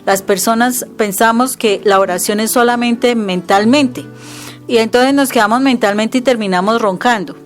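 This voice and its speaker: A woman's voice: fairly high pitch, normal speed, faint music behind. Earnest woman explaining prayer. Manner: earnest and explanatory, often quoting scripture. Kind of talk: conversational teaching.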